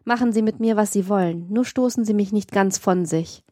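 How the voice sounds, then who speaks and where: A feverish young man, pleading and devoted, as a woman reads him in an audiobook. The voice stays warm and mellow, close and dry. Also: medium pitch, a little fast, no room sound, natural voice. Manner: urgent, pleading speech. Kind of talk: audiobook reading.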